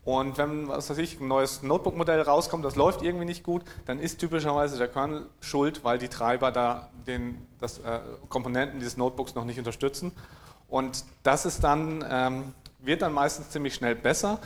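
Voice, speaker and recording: A man from giving a technical conference talk, dry in manner, hesitant with many fillers and frequent throat clearing. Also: mid-range voice, fairly even intonation, normal speed, slight background noise. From East Frisia, northern Germany. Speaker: conference speaker. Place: lecture room at a conference.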